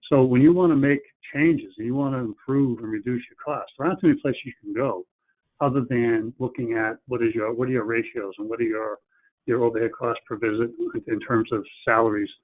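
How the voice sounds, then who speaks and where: A man's voice: medium pitch, steady tone, fairly quick. A man presenting in a webinar, talking in a plain, practical way and often restarting his phrases. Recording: phone-like webinar audio.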